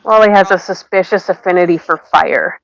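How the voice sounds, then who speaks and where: A woman's voice: on the low side, fairly quick, creaky, faint music behind. A woman playing a tabletop role-playing game, playful and giggly. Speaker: player. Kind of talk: tabletop role-play banter. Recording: dry, dull lo-fi audio.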